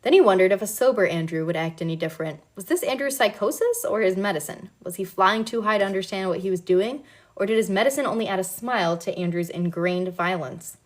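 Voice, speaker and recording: A woman's voice: mid-range voice, quick pace. Woman casually reading a novel aloud. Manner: relaxed, breaks off to laugh and comment. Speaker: reader.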